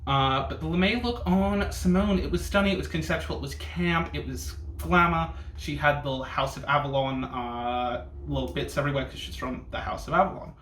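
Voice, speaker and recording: A man hosting a ranking video reacts casually as a reviewer, speaking at a normal speed with hardly any pauses in a fairly high, slightly bright voice. Expect a sassy, bitchy drag-queen delivery stuffed with camp slang and profanity. There's echo in the room and some faint noise.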